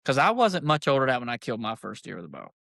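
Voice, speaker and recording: Man, shop-owner guest, folksy storyteller, mid-pitched voice, dry close sound. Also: racing, gravelly, no room sound. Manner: animated, folksy, says "dude" a lot. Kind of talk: casual storytelling chat.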